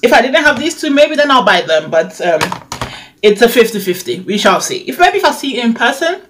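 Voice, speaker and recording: A woman's voice: a little high, sing-song, a little fast, noisy background. A young woman with a lisp, as if wearing a retainer, talking casually and a little hesitantly as a beauty vlogger. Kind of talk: casual chat, product review. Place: bedroom, indoors.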